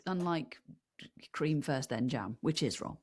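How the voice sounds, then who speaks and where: A woman from England with a lowish voice co-hosts a podcast. She gives firm, wry opinions and teases her co-host in casual chat. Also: expressive, measured pace, a little mellow, slightly rough.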